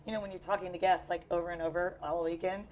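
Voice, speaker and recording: A young Texan-accented cosplayer, losing her voice, chats casually and upbeat as an interview guest in a busy convention hall, full of fillers. She speaks fast in a fairly low, darkish voice with fairly even intonation, and the audio is poor with slight background noise.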